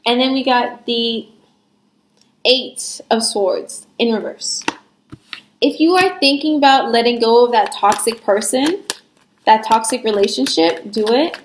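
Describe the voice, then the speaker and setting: A woman's voice: a little high, unhurried, reverberant, slight background noise, poor audio. A young woman giving a casual tarot reading, talking frankly and reassuringly with lots of fillers. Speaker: tarot reader.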